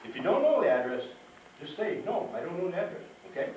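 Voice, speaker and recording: A firefighter with a high voice hosts a live fire-safety show for schoolchildren, speaking quickly with animated intonation. His informal, instructive talk is full of questions checking that the kids understand. Recorded from far off in an echoing indoor hall, the audio is very reverberant with faint noise.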